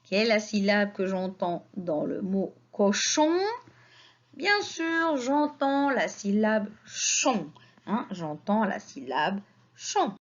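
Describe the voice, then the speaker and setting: A woman teaching a children's spelling lesson, sounding out syllables slowly and patiently, asking questions and answering them herself. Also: medium pitch. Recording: slightly dull lo-fi audio.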